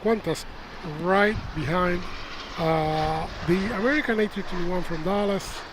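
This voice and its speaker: A man's voice: high-pitched, measured pace, background noise. A man hosting a plane spotting livestream, chatting casually to viewers in live commentary.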